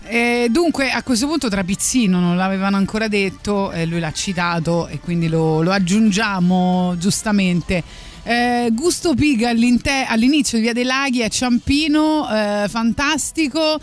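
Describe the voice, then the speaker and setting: A woman's voice: medium pitch, normal speed. A woman hosting radio in a casual, live chat style, rambling and hesitant as she goes. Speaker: radio host.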